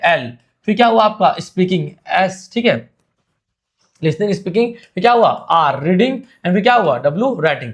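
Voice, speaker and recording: Male teacher, high-pitched, exam-prep lecture, answers his own questions and repeats key points.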